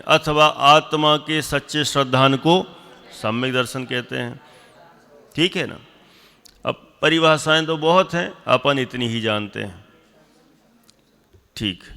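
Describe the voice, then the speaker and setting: A man teaching a religious class, slowly repeating definitions and quizzing and scolding his pupils. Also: mid-range voice, gravelly, pushed and bright, clean tone, long reverb tail. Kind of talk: classroom lesson with questions to students.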